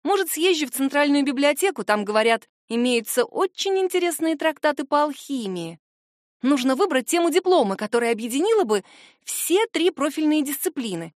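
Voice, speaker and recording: A woman reading a first-person fantasy novel aloud, expressive and lively in dialogue. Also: high-pitched, fairly quick, dry recording, clean studio sound. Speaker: audiobook narrator.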